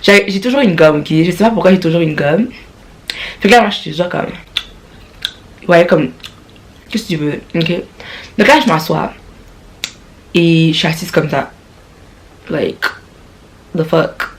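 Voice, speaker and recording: A young woman with a Quebec French accent telling a storytime vlog, sassy and animated, slipping English slang into her talk. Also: fairly low pitch, unhurried, pauses often. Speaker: vlogger.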